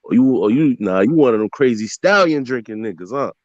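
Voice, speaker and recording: A man from Brooklyn, New York, with a Brooklyn accent banters casually in street slang, teasing, repeating himself and cutting in. His medium-pitched voice is animated and a little fast, and the sound is lo-fi.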